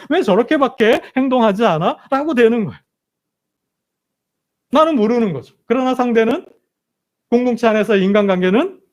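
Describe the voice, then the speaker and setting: A male pastor preaching a sermon in a church, asking rhetorical questions and repeating emphatic phrases. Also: high voice. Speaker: senior pastor. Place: church sanctuary.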